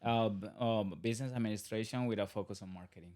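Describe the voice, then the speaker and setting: Low-pitched and a little mellow, this man talks fast. He's a Colombian business owner in his thirties, Spanish his first language, chatting casually as a podcast guest with a Colombian accent, rambling with restarts and frequent laughter.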